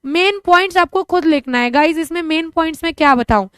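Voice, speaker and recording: Speaking fairly quickly, a young woman teacher with an Indian accent leads a live online class in a chatty, joking style, moving back and forth between two languages. Her voice is high and a bit bright, recorded close and dry with no room sound or echo.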